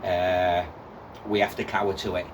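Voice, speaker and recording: A man's voice: deep voice, flat delivery, moderate pace, background noise. Rambling man, distant and humming. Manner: rambling, repeats words, ranting. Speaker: co-host. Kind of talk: casual chat.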